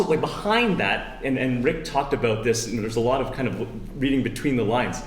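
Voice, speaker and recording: A man, speaking on a university panel as a human rights lawyer, halting and full of fillers and restarts. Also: lowish voice, fairly bright tone, a little hiss or hum. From born in Hong Kong, raised in Toronto. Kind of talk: panel talk. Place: university roundtable room. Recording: echoey room with faint ambience.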